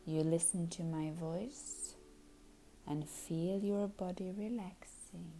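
A woman leads a hypnosis session in a very slow, unhurried drawl. Her voice is low-pitched and mellow, soft and soothing, with many phrases dropping into a breathy whisper. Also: steady tone, slight background noise.

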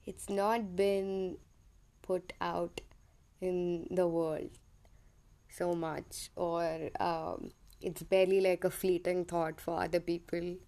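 A young Indian woman hosts her own podcast, her Indian English accent drifting toward American. Her voice is fairly low, gravelly, and slightly mellow. The monologue is personal and hesitant, filled with ums and self-corrections.

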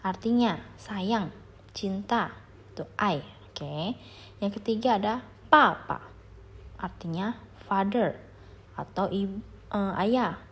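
Young woman, language teacher, unhurried and slightly breathy, patient drill delivery. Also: medium pitch. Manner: patient, repeats drills, asks listeners to follow along. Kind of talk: beginner language lesson.

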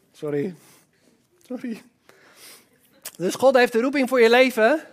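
A man's voice: very high voice, fairly bright tone. A man giving a church sermon, who talks with enthusiasm, throws in exclamations and speaks straight to the congregation. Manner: addresses the congregation directly. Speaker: preacher.

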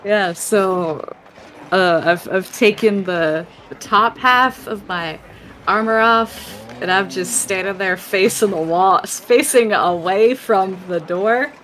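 A woman playing a tabletop role-playing game, describing her character's actions step by step in a measured way. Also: mid-range voice, fairly bright tone.

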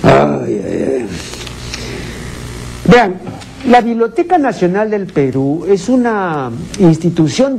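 A man's voice: high-pitched, a little mellow, a little hiss or hum. A man from Peru giving pedantic, indignant critical commentary, often asking rhetorical questions.

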